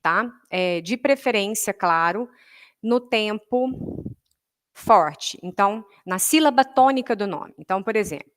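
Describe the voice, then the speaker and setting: A music teacher with a Brazilian Portuguese accent leads an online workshop lesson in a mid-range voice with lively intonation at a measured pace. She explains patiently, checks in often with her listeners, and counts beats aloud in rhythm over a little hiss or hum.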